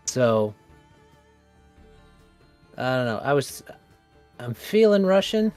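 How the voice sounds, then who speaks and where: A man's voice: medium pitch, big pitch swings, slow pace, music in the background. Wry man brainstorming on a livestream. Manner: wry, joking. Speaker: game designer co-host.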